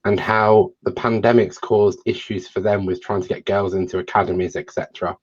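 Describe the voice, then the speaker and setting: Deep-voiced guy hosting a chat show, rough husky voice, muffled lo-fi sound. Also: steady tone, a little fast. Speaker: show host. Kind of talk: casual interview chat. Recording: dull, lo-fi audio.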